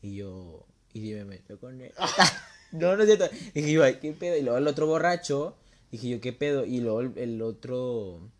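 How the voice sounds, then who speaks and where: A young Mexican man spinning a story in loose, slang-heavy chat. His pitch sits in an ordinary middle range. He jumps into voices for the people in his story. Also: normal speed. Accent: Mexican Spanish. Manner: slangy, animated, acts out quoted lines.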